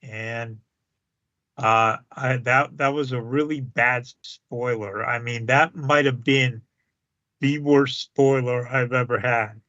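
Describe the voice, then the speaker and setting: A man co-hosts a podcast at an unhurried pace, stumbling through fillers and restarts. His voice sounds a little dull and lo-fi, close and dry. He chuckles often as he talks. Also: mid-range voice, steady tone, bright, forceful tone, no room sound. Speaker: podcast co-host. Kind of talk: casual podcast chat.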